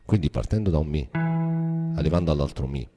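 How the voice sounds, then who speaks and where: A man's voice: extremely low pitch, quick pace. A man giving a guitar lesson, explaining a scale step by step in a methodical way. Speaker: guitar teacher. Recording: guitar playing behind voice.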